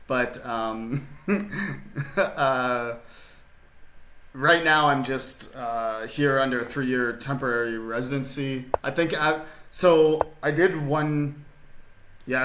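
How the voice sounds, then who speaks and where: While streaming a chess game from his rural desert home, a man chats with viewers in a laid-back, rambling way, full of fillers and restarts. His medium-pitched voice is bright and forceful, with slight background noise and a roomy echo.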